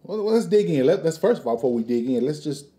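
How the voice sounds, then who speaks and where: A man hosts a casual snack review from a room at home. His voice is mellow and relaxed at a middling pitch, and he talks in a playful, joking way. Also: fast talker. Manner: joking, playful, chuckles as talking. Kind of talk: casual food review chat. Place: living room at home, indoors.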